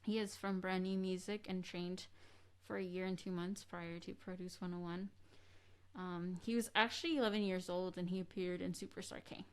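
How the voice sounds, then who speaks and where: A woman's voice: on the low side, steady tone, normal speed, smooth. Chatty woman co-hosting a podcast. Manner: chatty, laughs often, trails off into quiet asides. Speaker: podcast co-host. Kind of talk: casual chat.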